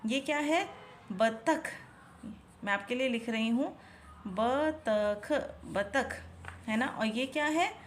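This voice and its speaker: A high-voiced woman explains a children's Hindi worksheet, stretching each syllable slowly and asking the viewer what each picture shows. She mixes English words into her Hindi, with a faint hiss behind her. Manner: slow, drawn-out syllables when sounding out words, questions to the viewer. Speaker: Hindi tutor.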